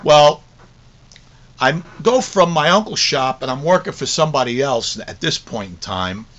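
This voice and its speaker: This course teacher is a mature man, middle-aged or older, whose fairly high, slightly bright voice moves with lively intonation at a normal speed. He shares an autobiographical lesson as a conversational story and leans on repeated phrases for emphasis, all captured on a dull lo-fi recording.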